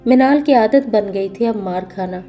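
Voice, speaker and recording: A woman narrates a scripted story in a steady, earnest way. Her voice sits at a middle pitch with a very dark, mellow tone. Faint music plays beneath her.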